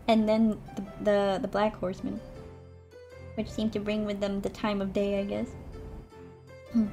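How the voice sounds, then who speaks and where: A woman streamer reading a fairy tale aloud gently, breaking off for chatty asides to her viewers. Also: mid-range voice. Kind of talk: storybook narration with casual chat.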